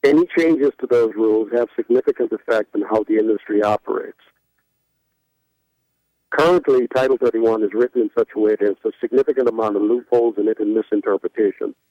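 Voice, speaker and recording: A man's voice: lowish voice, a little fast, no room sound. A man who manages a cab company speaks firmly and critically in a phone interview, stacking his points in lists, heard over a poor-quality phone line. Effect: poor-quality phone line audio. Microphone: cell phone. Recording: dull, dry phone-line audio.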